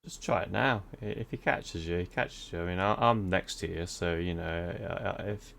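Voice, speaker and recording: A man's voice: sits low, normal speed, creaky, a bit bright. A man playing a tabletop game, offhandedly egging another player on. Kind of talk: casual tabletop game play.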